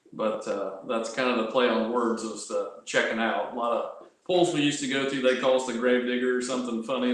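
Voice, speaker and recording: A man's voice: mid-range voice, a bit bright. An American man from Illinois talking casually as an interview guest. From Illinois, United States. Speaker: guest, funeral director and tractor puller. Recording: very echoey room, faint noise.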